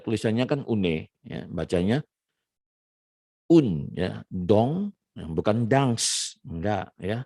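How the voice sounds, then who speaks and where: A man with a lowish voice gives a casual language lesson. He explains patiently, checking in with little "ya" and "nah" tags. The sound is dry and close, with no room echo. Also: warm tone. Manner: explains slowly, peppers phrases with "ya" and "nah". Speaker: French teacher.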